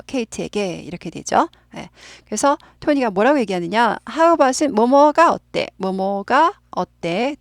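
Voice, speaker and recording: A woman gives an English grammar lesson in Korean, slowing down and drawing out the key words as she explains. Her voice sits at a middle pitch and sounds close and dry, with no room around it. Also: vocal fry, dry recording. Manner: patient, stretches out key words, often says 예 and 네. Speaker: English teacher.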